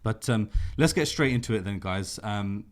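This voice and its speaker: A man's voice: on the low side, expressive, moderate pace. A man hosting a podcast interview, talking in a loose, enthusiastic way. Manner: enthusiastic, full of fillers and restarts. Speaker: podcast host. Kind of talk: casual interview talk.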